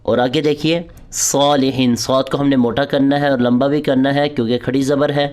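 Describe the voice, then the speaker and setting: This male instructor teaches prayer recitation online, with a medium-pitched, darkish voice that sounds clear and resonant, though his delivery is flat. After patiently explaining every point, he offers lengthy, stretched-out lines for the students to echo.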